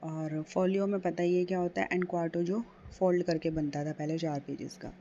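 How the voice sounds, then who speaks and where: Woman, exam-prep teacher. Deliberate quiz reading, mellow tone, dull lo-fi audio. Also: lowish voice, steady tone, slight background noise. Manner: reads English questions slowly, explains in quick Hindi. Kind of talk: quiz-style lesson reading out multiple-choice answers.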